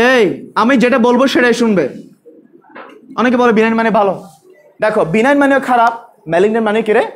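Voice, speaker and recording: Fast-talking man drilling a class. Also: very high voice, fairly bright tone, slight background noise. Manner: drills students with repeated questions, scolds talkers. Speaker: biology teacher. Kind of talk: classroom lecture.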